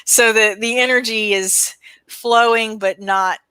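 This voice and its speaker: A woman's voice: a little high, fairly even intonation, slow pace, pushed and bright, smooth, no room sound, low-quality recording. A woman hosting a casual livestream over a video call, reading out viewer comments and keeping the talk on time in an easygoing manner.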